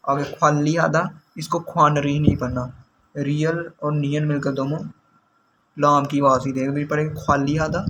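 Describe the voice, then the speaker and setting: Man teaching vocabulary slowly, slightly high voice. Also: fairly bright tone, slight background noise, low-quality recording. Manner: slow, repeats and glosses each word. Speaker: language teacher. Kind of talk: explaining vocabulary to learners.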